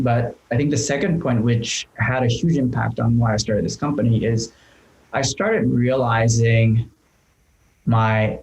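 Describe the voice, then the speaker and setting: A man, speaking as a guest on a podcast interview. His voice sits in an ordinary middle pitch. He talks thoughtfully and casually, often pausing on "um" and restarting his sentences. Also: a little mellow, slight background noise, poor audio. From Japan. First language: Japanese. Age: 30s. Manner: thoughtful, with frequent ums and restarts. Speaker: entrepreneur guest. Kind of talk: casual conversational storytelling.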